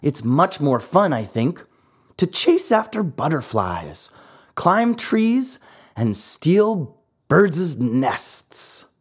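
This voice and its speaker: A woman's voice: low-pitched, very animated, extremely slow, slightly rough, pitched above the performer's own voice, heavily acted. A woman doing a cheeky wooden puppet boy. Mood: defiant. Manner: impudent, rude. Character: impudent wooden puppet boy, lazy and hot-tempered.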